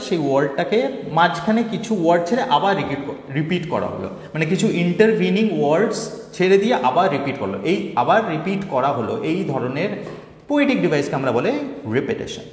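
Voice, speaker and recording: A man explaining poetic devices to students step by step, calling them guys. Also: sits high. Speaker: English literature teacher. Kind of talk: online poetry lesson. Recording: echoey room with long reverb.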